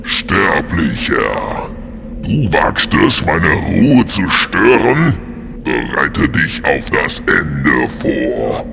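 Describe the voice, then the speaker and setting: A man voicing a haughty, ancient undead orc shaman in a video game, gravelly, slow and threatening. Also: very animated, heavily acted. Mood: haughty menace. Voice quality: gravelly, cavernous. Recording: long cavernous reverb, rumbling game noise.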